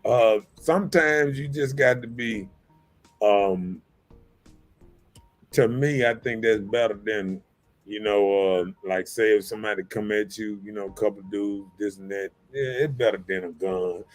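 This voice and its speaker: A man chatting casually as a co-host, telling stories with a lot of swearing and speech, getting loud when worked up. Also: lowish voice, measured pace, soft background music. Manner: animated, profane storytelling, swings loud when worked up. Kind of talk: casual chat.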